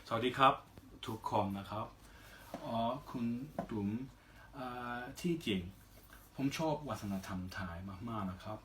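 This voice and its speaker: Here a Western man, a singer being interviewed, replies casually in hesitant, careful Thai, using short phrases and polite particles. His voice is on the low side yet fairly bright, and a little hiss or hum can be heard.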